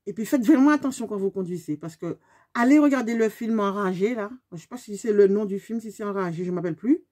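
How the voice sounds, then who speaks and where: A woman, telling a story to her viewers in a lively, emphatic way. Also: mid-range voice, quick pace. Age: 50s. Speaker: beauty vlogger. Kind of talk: storytime vlog.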